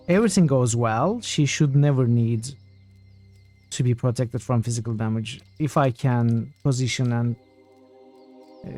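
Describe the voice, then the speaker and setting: A man's voice: mid-range voice, darkish tone. A man doing casual live game commentary, thinking aloud and putting questions to his chat. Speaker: game streamer.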